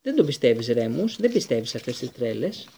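A man's voice: mid-range voice, sing-song, creaky, warm tone, slightly rough, full character voice. A man voicing a cowardly, frightened man who squeals and wheedles in panic. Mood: panicked.

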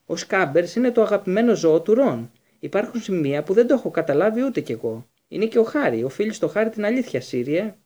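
Remus Lupin, a man doing a measured earnest man. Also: high-pitched, very animated, dark tone, voice pushed up.

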